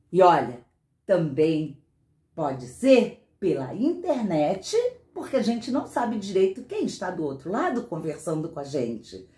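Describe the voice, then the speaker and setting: A woman who writes children's books, telling a story in an expressive, sing-song way with dramatic pauses. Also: mid-range voice. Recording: roomy echo.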